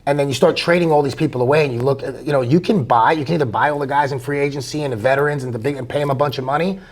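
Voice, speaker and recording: A man's voice: medium pitch, steady tone, racing. A man chatting casually as an interviewer, rambling through long, wound-up questions. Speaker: interviewer, high school baseball coach.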